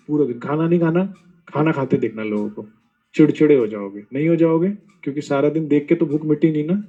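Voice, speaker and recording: A man's voice: on the high side, dark tone, highs cut off. A man giving a devotional sermon, scolding his listeners with rhetorical questions and mocking asides. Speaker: spiritual preacher.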